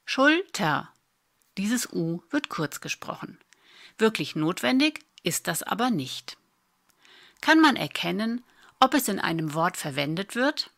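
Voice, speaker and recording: A woman explains spelling rules at an unhurried, deliberate pace. Her voice sits at an ordinary middle pitch. She stays patient and clear, with the occasional dry aside. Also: big pitch swings, fairly bright tone. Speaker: German spelling tutor. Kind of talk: slow explanatory lesson.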